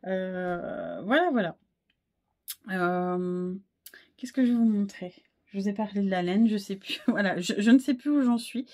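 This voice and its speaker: A woman in her thirties chatting casually in a knitting vlog, a little hoarse, rambling and self-deprecating, full of fillers and restarts. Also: medium pitch, measured pace, darkish tone. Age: 30s. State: a bit hoarse, frog in the throat. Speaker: wool dyer and knitting podcaster.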